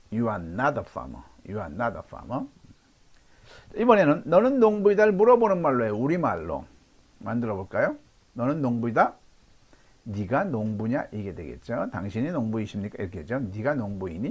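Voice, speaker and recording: A husky-voiced male teacher with a lively, swinging pitch. He runs a lecture-style lesson and poses questions that he answers himself. He repeats each model sentence slowly, drill by drill, for the class to echo back. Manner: repeats example sentences slowly for learners to copy. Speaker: English teacher.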